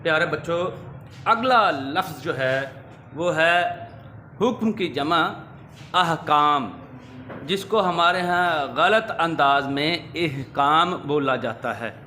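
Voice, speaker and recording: A man teaching word pronunciation to children, drawing words out slowly and quizzing with rising questions. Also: a little high, sharp tone, slight background noise. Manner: slow, drawn-out repetition of words. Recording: echoey room with faint ambience.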